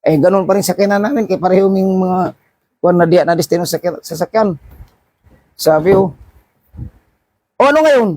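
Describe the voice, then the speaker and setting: A middle-aged man tells a story from his working life in a high voice, acting out the shouting parts. He often restarts his sentences as he goes. The recording is dry and close, with no room sound. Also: a little fast, dry recording. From Philippines. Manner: animated anecdote with acted-out shouts and frequent restarts. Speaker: seafarer vlogger. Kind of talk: casual storytelling.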